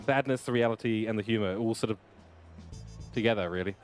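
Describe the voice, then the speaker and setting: A man's voice: fairly low pitch, brisk, soft background music. A man streaming a racing game and chatting casually. He rambles in a jokey way and often corrects himself. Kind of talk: casual chat while racing. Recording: loud race car engine noise.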